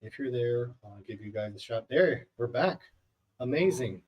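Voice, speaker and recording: A man's voice: mid-range voice, lively intonation, moderate pace, dull audio. A man co-hosting a casual livestream podcast, telling history in a rambling, joking way. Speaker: podcast co-host.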